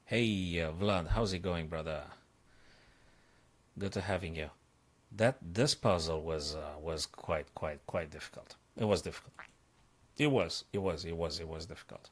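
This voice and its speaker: A man working as a chess coach, solving puzzles live on a stream. He thinks aloud, breaks into excited exclamations and repeats himself as he talks. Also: deep voice, a little slow.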